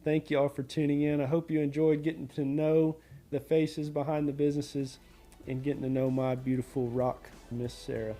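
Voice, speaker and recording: Mellow man telling stories. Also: on the high side, little pitch movement, normal speed, faint music behind. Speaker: podcast host. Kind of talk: casual storytelling. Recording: clear background ambient noise.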